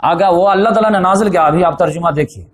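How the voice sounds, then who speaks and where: A man giving a religious lecture in storytelling form, sprinkling in English words and growing emphatic when he voices the people in his story. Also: high voice. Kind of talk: Urdu religious lecture on the Prophet's life.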